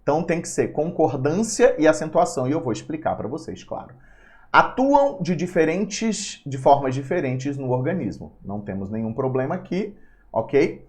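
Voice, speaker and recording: A man's voice: fairly high pitch, normal speed. A man teaching an exam-prep grammar lesson, playful and chatty, often talking to himself. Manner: lively, playful, talks to himself.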